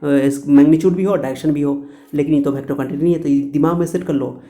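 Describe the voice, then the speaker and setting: A man's voice: fairly high pitch, fairly even intonation, quick pace, dark tone. A male teacher giving a chatty classroom physics lecture, repeating points and laughing at his own jokes.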